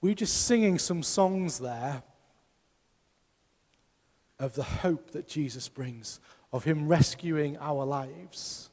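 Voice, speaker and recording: A man's voice: on the high side, slow pace, long pauses, a little mellow, in a large hall. A man preaching a sermon as pastor, emphatic and putting rhetorical questions to his congregation. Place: church hall.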